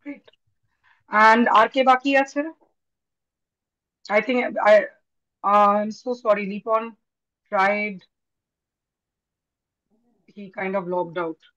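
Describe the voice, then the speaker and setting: A woman trainer leading an online class, brisk and apologetic, switching between languages. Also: mid-range voice, a bit bright. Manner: brisk, apologetic, mixes Bengali and English. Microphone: video call. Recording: dull lo-fi call audio.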